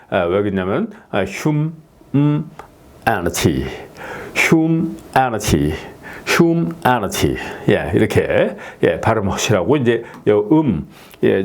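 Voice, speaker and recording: A man teaching English pronunciation, filling pauses with "yes" and repeating each word slowly. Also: medium pitch, a little mellow. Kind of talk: explaining lesson to camera.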